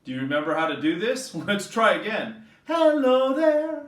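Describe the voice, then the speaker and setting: A man teaching an online music lesson to young children, gentle, encouraging and playful. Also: on the high side, animated, a little fast. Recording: echoey room, voice a bit distant. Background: acoustic guitar.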